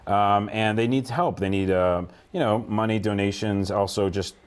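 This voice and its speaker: A man's voice: on the low side, steady tone, moderate pace, smooth. A man co-hosting a casual games podcast, rambling with lots of fillers and frequent laughs. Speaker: podcast co-host. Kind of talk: casual chat.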